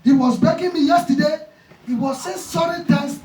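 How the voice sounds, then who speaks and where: Impassioned pastor in an echoey hall. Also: male voice, very high-pitched, a little fast, darkish tone, a little hiss or hum. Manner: impassioned, repeats phrases, retells dialogue. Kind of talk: preaching a sermon. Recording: echoey church room, mic far off.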